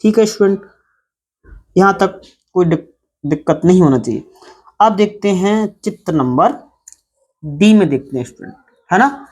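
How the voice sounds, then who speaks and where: Expressive and on the low side, with a darkish tone, this woman teaches a maths lesson at normal speed, leaving long pauses. She repeats herself, draws out words she wants to stress, and keeps checking in with her students through "है ना" and "ठीक है".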